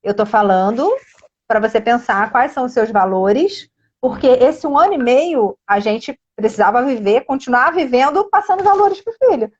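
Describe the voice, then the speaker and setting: A woman's voice: a little high, animated, moderate pace, darkish tone, breathy edge, highs cut off. A woman with a Brazilian Portuguese accent speaking earnestly as a child education coach in a casual live stream, addressing viewers directly.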